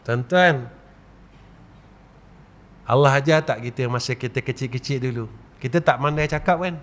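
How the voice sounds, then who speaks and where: Smooth-voiced Malaysian preacher man. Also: medium pitch, a bit bright. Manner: rhetorical questions, repeated 'tuan-tuan'; slow chanted dhikr recitation. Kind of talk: religious lecture to a congregation.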